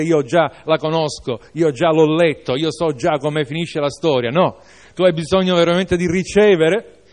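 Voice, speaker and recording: Italian-speaking preacher, slightly high voice. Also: male voice. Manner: reads scripture then exhorts with asides. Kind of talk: sermon with Bible reading.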